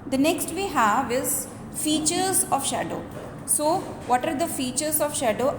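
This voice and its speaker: Higher-pitched woman teaching in echoey room. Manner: earnest, explanatory, often ending phrases with a questioning "right?". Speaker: school teacher. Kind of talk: school lecture to students. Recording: echoey reverberant room with background noise.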